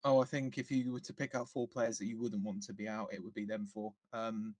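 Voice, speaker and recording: A man's voice: on the low side, little pitch movement, fairly quick, darkish tone. Hesitant man talking football. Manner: hesitant, many restarts and fillers. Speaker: guest fan. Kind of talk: casual football chat.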